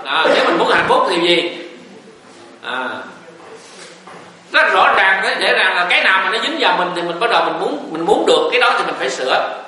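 Buddhist teacher, male, bright voice, folksy sermon, far-off echoey room recording. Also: high voice. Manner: folksy, joking, rising and falling emphasis. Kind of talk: dharma talk. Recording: echoey room, voice from a distance, faint hiss.

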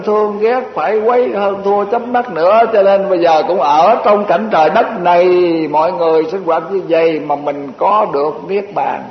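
A man giving a Buddhist dharma talk, folksy and repetitive, stringing lists together with chuckling asides. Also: sits high. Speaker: Buddhist teacher. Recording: muffled echoey hall recording with faint hiss.

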